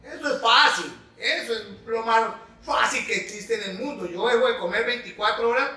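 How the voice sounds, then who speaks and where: A man's voice: very high-pitched, moderate pace, pushed and bright, distant mic. A man giving a preaching talk as a spiritual coach, emphatic, often asking a question and then answering it himself. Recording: echoey room, away from the mic.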